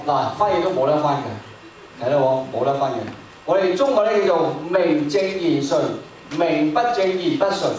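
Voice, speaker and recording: A man preaching a sermon in an emphatic, repetitive way, paused for an interpreter. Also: a little high, darkish tone, slight background noise. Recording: echoey hall, distant mic.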